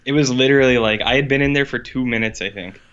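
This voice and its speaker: A man's voice: mid-range voice, quick pace, fairly bright tone, smooth, muffled recording. A man co-hosting a podcast in casual chat, his voice sounding echoey as if inside a fishbowl, recorded in a borrowed room at a university. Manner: rambling, easygoing, swears casually. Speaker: podcast co-host.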